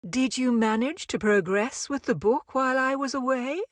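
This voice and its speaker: A woman playing a genteel, sentimental older book lover in a game story, gentle and polite in manner. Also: high voice, normal speed, no room sound, close to an everyday voice. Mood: warm, polite. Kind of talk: scripted game story dialogue.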